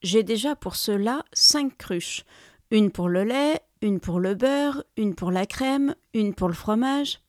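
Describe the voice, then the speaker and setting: A woman's voice: medium pitch, expressive, slow, darkish tone, no echo, clean studio sound. A woman voicing a dreamy wife in a folk tale, speaking in a firm, matter-of-fact way. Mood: pleased. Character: calm, stubborn dreamy wife.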